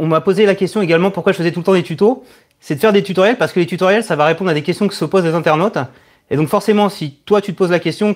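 Answering viewer questions in a relaxed live chat, this online video creator is a man in his late thirties with a fairly high voice. He speaks hesitantly, halting often and repeating words as he gathers his thoughts.

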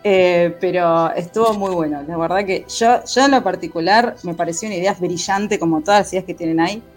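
A woman's voice: lowish voice, a little fast, faint music behind. Chatty woman hosting a podcast. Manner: chatty, with frequent fillers. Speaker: podcast host. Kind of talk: casual chat.

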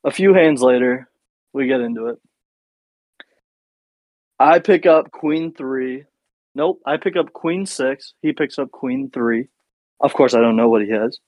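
Male podcast co-host, mid-pitched, cocky and rambling, casual profane storytelling, dry close sound. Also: a little slow, long pauses, a little mellow, no room sound, low-quality recording.

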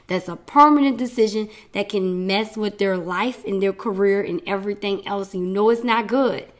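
With a mid-range voice at a moderate pace, a woman rambles through a casual episode of her own podcast. She laughs frequently and is clearly losing her voice.

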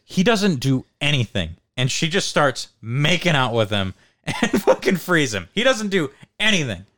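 A man's voice: a little high, big pitch swings, normal speed, a bit bright, no echo, clean studio sound. A man chatting casually as a podcast co-host, laid-back and sweary, peppering his talk with dude and like. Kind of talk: casual chat.

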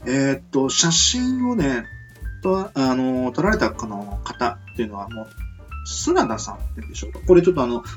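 A man with a mid-range voice speaking at normal speed hosts his own homemade radio show. His intonation swings with great animation as he earnestly and politely feels his way through a rambling, reflective monologue, recorded in dull, a little muffled lo-fi audio over a guitar backing.

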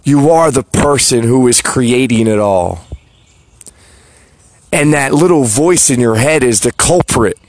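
A man's voice: medium pitch, measured pace. A man hosting a podcast, delivering a reflective motivational monologue with frequent rhetorical asides. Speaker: podcast host.

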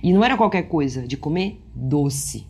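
Earnest woman, low voice. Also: lively intonation, gravelly, a little hiss or hum. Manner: earnest, reflective, unhurried with soft asides. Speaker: emotional wellness speaker. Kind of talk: reflective talk to camera.

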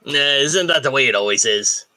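Male game master, lively and swooping delivery, bright forceful tone, improvised tabletop play. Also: medium pitch, normal speed. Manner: animated, voices several characters.

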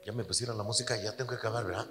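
A man preaching a sermon to his church, earnest, dropping his voice low for emphasis and turning lively when he tells a story. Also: rapid-fire. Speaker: pastor. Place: church hall. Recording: reverberant church hall with soft music.

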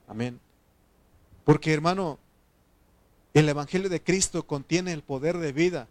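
A man's voice: a little high, dry recording. A man preaching a sermon as pastor, fervently calling his listeners brother and putting questions to them. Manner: asks the congregation questions.

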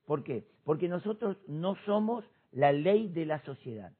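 Man, pastor, husky higher voice, fervent preaching, tinny phone-like sound. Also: expressive, a little slow. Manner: impassioned preaching, rising to shouts. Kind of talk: church discussion program.

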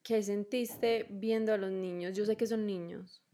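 A woman co-hosting a podcast, asking gentle, slow questions in casual chat. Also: medium pitch, steady tone. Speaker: co-host.

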